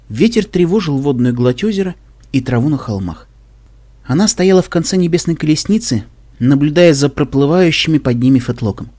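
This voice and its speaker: A man reading an audiobook in scripted narration, with an even, measured storytelling delivery. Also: mid-range voice. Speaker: audiobook reader.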